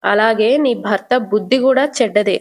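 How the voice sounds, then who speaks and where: A woman voicing a sharp-tongued older aunt who taunts and accuses in a scornful way. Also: mid-range voice, normal speed, lightly acted.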